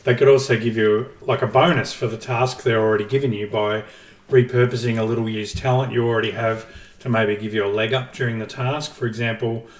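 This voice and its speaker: A man's voice: medium pitch, flat delivery, a little fast. A man co-hosting a casual gaming podcast, explaining his ideas at length with dry jokes. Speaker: podcast co-host. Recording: roomy, distant from the mic.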